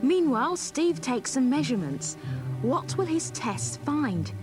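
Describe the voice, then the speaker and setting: A woman's voice: sits high, big pitch swings, unhurried. A woman narrator reading a scripted science programme for children. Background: music.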